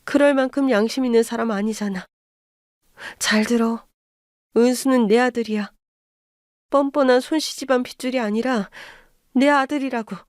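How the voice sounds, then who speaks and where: A woman's voice: medium pitch, moderate pace, pauses often, a little mellow, no echo, studio quality, natural voice. A woman voicing a middle-aged mother who speaks coldly and bursts into anger. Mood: furious. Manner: cold, then furious outbursts.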